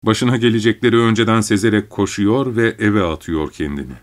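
Low-voiced man reading a story. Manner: measured first-person storytelling. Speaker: narrator. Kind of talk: scripted literary narration.

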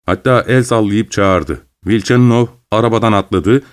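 A man reading a novel aloud in a measured, even storytelling voice. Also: fairly low pitch, clean tone. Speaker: narrator. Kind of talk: audiobook narration.

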